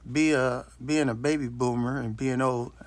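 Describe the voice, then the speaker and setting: A man's voice: medium pitch, fairly even intonation, normal speed. A man in his late sixties telling a rambling, blunt story as a casual monologue into his phone. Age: 60s. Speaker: vlogger. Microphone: self-recorded on a phone.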